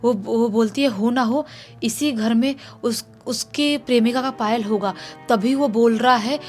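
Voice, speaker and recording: A woman telling a horror story casually, dramatic, dropping to hushed tones and rising again. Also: on the high side, a little slow, faint music behind. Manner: dramatic, shifting between loud and hushed.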